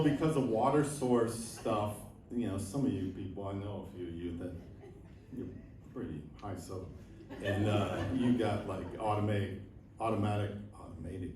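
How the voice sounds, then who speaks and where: A man in his sixties doing a stand-up set, rambling and self-deprecating with lots of halting fillers. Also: lowish voice, background noise. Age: 60s. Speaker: stand-up comedian. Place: live comedy venue with audience laughing. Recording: echoey room, mic at a distance, crowd laughter.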